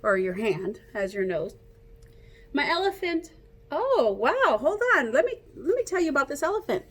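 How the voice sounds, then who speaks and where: A woman reads a picture book aloud to children the way a teacher would, animated and playful, coaxing the young listeners to join in. Her voice is high and she reads at a normal speed.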